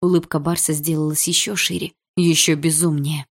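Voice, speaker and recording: A woman narrating a novel in the first person with calm, even reading. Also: low voice, moderate pace, breathy edge. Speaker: audiobook narrator.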